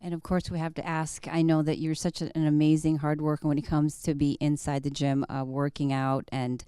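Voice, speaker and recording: Female sports interviewer. Deep, warm, smooth voice, asking prepared questions on a dry, close recording. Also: little pitch movement, brisk, no room sound.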